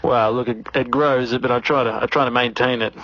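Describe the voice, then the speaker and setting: A man's voice: medium pitch, fairly even intonation, brisk, background noise. A man with an Australian accent chatting casually on a show. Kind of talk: casual chat. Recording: dull lo-fi radio sound.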